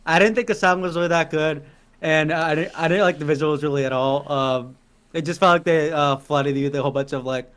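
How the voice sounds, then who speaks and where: A man's voice: on the high side, steady tone, a little fast, fairly bright tone, clear, resonant tone. A man co-hosting a podcast in casual chat, hesitant and repeating himself. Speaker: podcast co-host.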